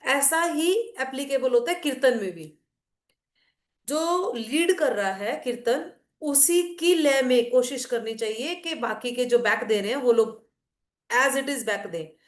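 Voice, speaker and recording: A woman's voice: high voice, expressive, takes it slowly, reverberant. A middle-aged woman teaching a devotional class in a casual, conversational way, explaining with anecdotes and asides. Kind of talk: casual Hindi class talk mixing English.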